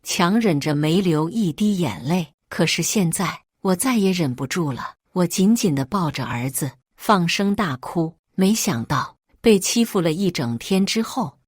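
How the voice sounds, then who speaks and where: A woman narrating a first-person family drama story in an emotive, expressive way. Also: on the low side, unhurried, few pauses, breathy edge, dry recording, studio quality.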